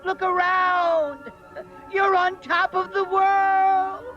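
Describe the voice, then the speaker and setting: Theatrical high-voiced carnival sea captain. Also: male voice, level tone, very slow, heavily acted. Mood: sly coaxing. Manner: theatrical, coaxing. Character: jolly, shifty carnival sea captain, grown man. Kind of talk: animated film voice acting. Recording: dull film audio over music.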